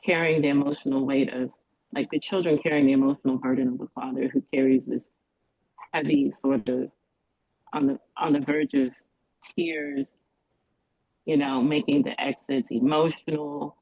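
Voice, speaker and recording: A woman's voice: extremely low pitch, fairly even intonation, vocal fry, dry recording. Hesitant woman testifying over a video call. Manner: halting, searching for words, restarting. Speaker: parent testifying in a custody hearing. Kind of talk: court testimony. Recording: dull, dry video-call audio.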